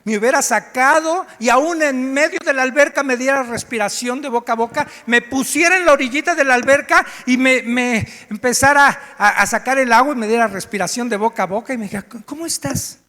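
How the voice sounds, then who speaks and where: Mexican male preacher, bright and forceful, lively storytelling in an echoey church hall. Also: very high voice, brisk, hardly any pauses. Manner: animated storytelling, asks the congregation. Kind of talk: sermon. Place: church meeting room.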